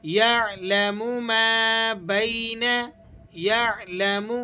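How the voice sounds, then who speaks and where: Bright, clear-voiced man teaching Quran recitation. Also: sits high, slight background noise. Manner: recites verses slowly and drawn out, then explains rules in calm plain speech. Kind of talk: Tajweed lesson with slow recitation.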